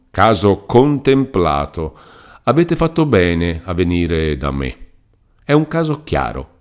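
A man's voice: lowish voice, clean tone. A man voicing a pompous, fussy middle-aged country lawyer who blusters and reads legal texts theatrically.

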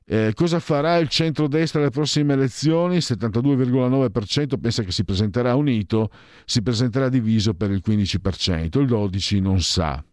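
A man casually reading out opinion poll figures in a brisk run, adding wry side remarks. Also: mid-range voice, darkish tone, no room sound, clean studio sound. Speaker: commentator reading out opinion polls.

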